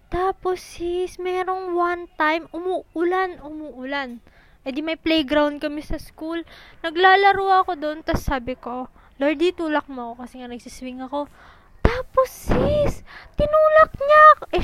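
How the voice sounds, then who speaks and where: A young woman telling school stories in a casual, chatty, animated way, a little out of breath. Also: sits high, rough recording. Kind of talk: casual storytelling.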